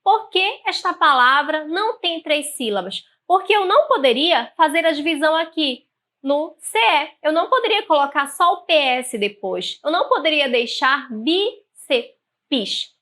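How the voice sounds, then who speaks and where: A woman teacher with a Brazilian Portuguese accent giving an online grammar lesson, speaking clearly and slowly spelling out syllables. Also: high-pitched, lively intonation, sharp tone.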